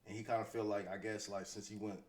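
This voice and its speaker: A man with an American accent hosts hip-hop news commentary, speaking fast and flatly in a voice on the low side. His remarks are off-the-cuff, slangy, and conversational, and he repeats himself often.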